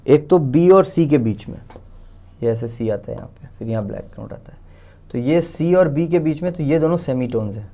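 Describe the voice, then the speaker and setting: An Indian-accented man gives a relaxed music theory lesson, thinking aloud as he writes and counting out each step. His voice sits at a middle pitch with a warm, mellow tone. He pauses to correct himself now and then. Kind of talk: casual explanatory lesson while writing.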